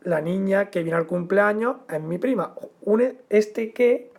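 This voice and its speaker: A man teaching a grammar lesson, explaining at a measured pace and stressing the example words. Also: high-pitched.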